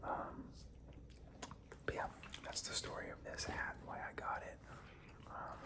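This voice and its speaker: A young man telling casual stories as an ASMR host in a breathy, halting whisper while chewing gum. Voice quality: breathy whisper with some creak.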